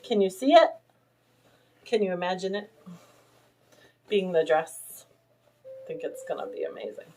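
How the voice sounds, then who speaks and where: A woman's voice: on the low side, lively intonation, unhurried, pauses often, warm tone, a little hiss or hum. Chatty woman vlogging from her sewing room. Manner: chatty, rambling, showing items to camera. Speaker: vlog host. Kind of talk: casual chat.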